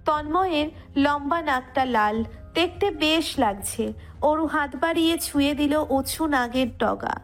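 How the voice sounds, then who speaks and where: High-voiced woman narrating over music. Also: animated, measured pace. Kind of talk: scripted romantic story narration.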